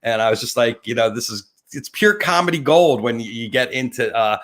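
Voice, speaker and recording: A New Jersey-accented man hosts a live webcast, improvising a rambling, tongue-in-cheek intro. He's animated and scattered, stopping and starting, with a mid-range voice at a fairly quick pace.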